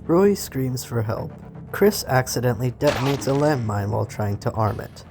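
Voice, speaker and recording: A man's voice: medium pitch, big pitch swings, moderate pace. Hammy theatrical male narrator over music. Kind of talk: dramatic reading of simulated survival-game events. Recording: music under the voice. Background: background music.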